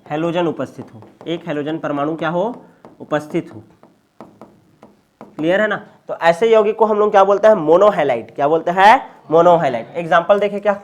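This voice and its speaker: Male chemistry teacher, high voice, casual classroom lecture, constantly quizzes students and repeats answers. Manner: keeps asking students questions and repeating answers; casual, folksy asides.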